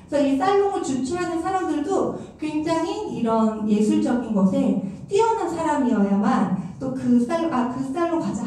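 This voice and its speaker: A woman giving a lively music lecture, telling stories and acting out what people said, with a chatty manner. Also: high voice. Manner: animated, acts out quoted remarks, chatty fillers. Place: large concert hall. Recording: echoey hall, voice from far off.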